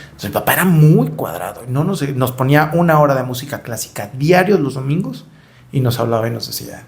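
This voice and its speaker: A man's voice: mid-range voice, animated, a little fast, gravelly. A middle-aged man with a Mexican accent, telling stories as a podcast guest, reflective and repeating words while he searches for them. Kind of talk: conversational interview storytelling.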